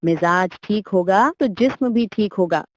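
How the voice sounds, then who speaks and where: A cheerful, self-assured cartoon donkey doctor, voiced by a woman, handing out silly cures with total confidence. The voice sits a little higher than her usual and sounds dry and close. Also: measured pace, no echo, close to an everyday voice. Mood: confident. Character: bossy, silly male donkey doctor giving odd advice.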